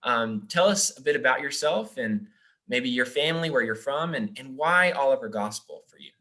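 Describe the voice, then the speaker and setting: Bright-voiced man hosting a webinar. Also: mid-range voice, expressive, normal speed. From Japan. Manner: friendly, with frequent fillers. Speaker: webinar host, donor relations officer.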